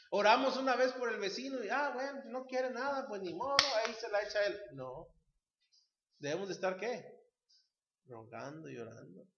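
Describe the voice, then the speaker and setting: A man's voice: high voice, a bit bright. A man preaching a sermon, emphatic and asking the congregation questions. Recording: roomy, slightly dull church recording.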